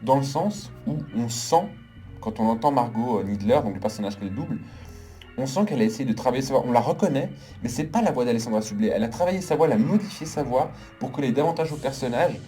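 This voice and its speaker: A man's voice: mid-range voice, expressive, quick pace, mellow, faint music behind. A man giving a casual, opinionated film review in an emphatic way, piling on intensifiers. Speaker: film critic.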